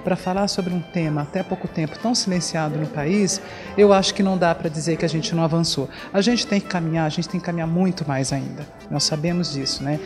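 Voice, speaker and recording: A woman's voice: sits low, fairly even intonation, fairly quick, over music. A woman in her forties, a lawyer on a diversity commission, giving an earnest, fluent on-camera interview in an indoor room into a handheld mic.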